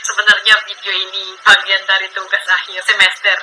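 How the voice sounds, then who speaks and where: A woman's voice: mid-range voice, monotone, a little fast, loud music behind the voice, low-quality recording. A young Filipino woman with a Filipino accent, a foreigner speaking fluent colloquial Indonesian in a casual vlog style. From Philippines. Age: young adult. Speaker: language student making videos.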